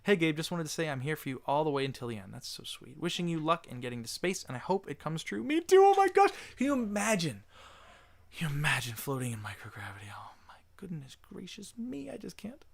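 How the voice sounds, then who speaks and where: A man with a fairly high-pitched voice hosts a relaxed livestream Q&A. He talks in a loose, rambling way and reads out viewer messages as he goes. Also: fast, vocal fry. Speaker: livestream host answering chat. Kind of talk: casual livestream Q&A.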